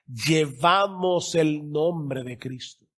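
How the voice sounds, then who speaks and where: A male pastor preaching a sermon, stressing key words by slowing down and growing louder. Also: on the high side.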